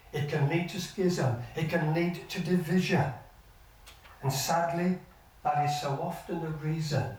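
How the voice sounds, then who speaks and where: An older man preaching a sermon as pastor, earnest and measured, his sentences often sinking low at the end. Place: church hall. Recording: echoey church hall from far off.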